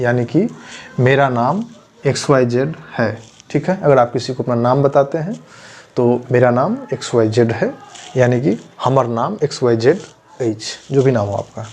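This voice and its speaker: A man's voice: medium pitch, a little mellow. A man teaching a language lesson, repeating phrases and stressing pronunciation.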